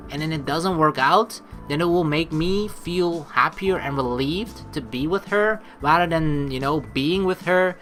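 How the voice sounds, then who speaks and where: Over background game music, a man whose voice is a little high, bright and pushed chats through a let's play. His commentary is rambling and informal with some swearing, and he reads out on-screen text as he thinks aloud.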